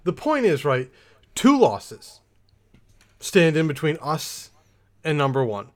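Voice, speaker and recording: A man's voice: fairly high pitch, sing-song, takes it slowly. A man co-hosting a podcast in casual chat, ranting in an exasperated, emphatic way, a little tipsy. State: tipsy from drinking. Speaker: podcast co-host.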